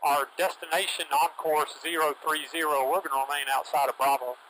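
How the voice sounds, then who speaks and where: A man's voice: a little high, fairly even intonation, fairly quick, fairly bright tone, slight background noise, rough recording. An older man piloting a small plane, making radio calls and chatting through an aviation headset intercom. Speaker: private pilot. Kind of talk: radio calls and cockpit chat. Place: inside a small propeller plane. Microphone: aviation headset boom mic.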